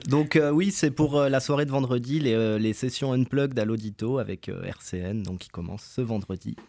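Man, radio guest, mid pitch, halting and explanatory, close dry mic. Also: vocal fry, a little mellow, no room sound. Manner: hesitant, many fillers, explanatory. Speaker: guest, cultural center organizer. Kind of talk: casual radio interview.

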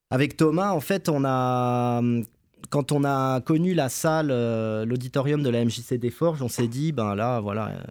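A man's voice: mid-range voice, a little mellow, dry recording, studio quality. A man, a guest on a local radio show, explaining an event at a casual pace with many fillers. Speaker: guest, cultural center organizer.

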